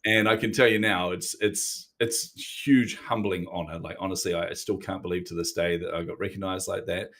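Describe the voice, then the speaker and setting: A man from New Zealand, a neuromarketing coach guest on an interview, telling stories in a casual, animated way and acting out the exchanges he quotes. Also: low-pitched, fairly quick, few pauses.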